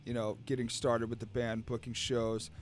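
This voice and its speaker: Relaxed male co-host, affirming and chatty; light music bed. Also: mid-range voice, normal speed. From Arizona, USA. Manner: affirming, easygoing, says "absolutely" a lot. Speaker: podcast co-host. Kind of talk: casual chat.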